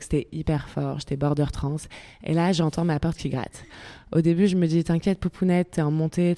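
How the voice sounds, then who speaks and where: A woman playing a spacey, self-absorbed housemate who rambles in deadpan asides in a comedy radio sketch. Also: deep voice, close to an everyday voice. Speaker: guest testimony.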